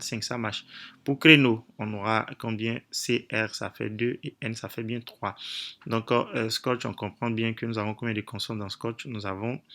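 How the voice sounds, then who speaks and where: A man's voice: fairly low pitch, sharp tone. A man coaching students through logic exercises step by step, methodical, thinking aloud with frequent hesitations. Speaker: coach teaching logic tests.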